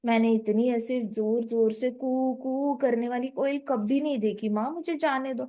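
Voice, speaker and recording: A woman voicing a sweet young woman who pleads softly. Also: a little high, fairly even intonation, measured pace, natural voice. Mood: pleading, sweet.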